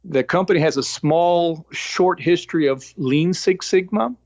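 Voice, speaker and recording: A man from New York with a faint New York accent, a lean coach talking as a podcast guest in a halting way, full of fillers and restarts. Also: fairly high pitch, a little mellow, no room sound, muffled recording. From New York, United States. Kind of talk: casual interview talk.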